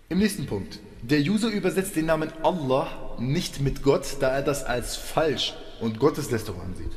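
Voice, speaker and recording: Lecturing man in an echoey room. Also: a little high. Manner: lecturing, rhetorical questions, repeats lines. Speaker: religious video commentator. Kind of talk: polemical monologue. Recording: echoey room with long reverb.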